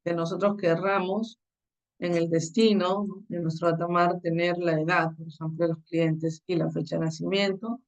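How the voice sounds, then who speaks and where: Walking through slides step by step, an instructor gives a recorded course lecture, frequently tossing in a short tag question. The medium-pitched voice stays level, picked up from a distance with dull audio.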